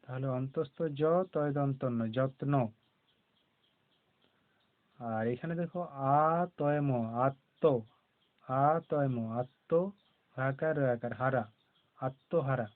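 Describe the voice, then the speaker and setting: A man teaching young children to read, spelling out letters slowly and patiently in a classroom lesson. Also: medium pitch, fairly even intonation. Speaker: primary school teacher. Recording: tinny phone-like recording.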